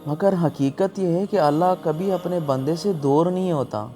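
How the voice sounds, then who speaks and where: Over music, a man with a mellow voice on the high side delivers a scripted religious sermon. As a preacher, he speaks with earnest, pleading emotion.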